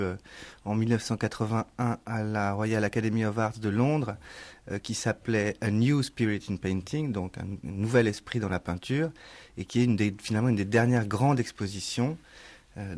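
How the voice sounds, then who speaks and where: A man's voice: on the low side, a little mellow. A man who is a guest on a radio panel, explaining at length while thinking aloud, with frequent fillers and repetitions. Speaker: guest, art-center co-director.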